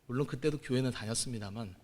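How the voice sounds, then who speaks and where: A man in his forties preaching a sermon as pastor, moving between quiet asides and loud exclamations. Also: medium pitch, fast talker, noisy background. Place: church sanctuary.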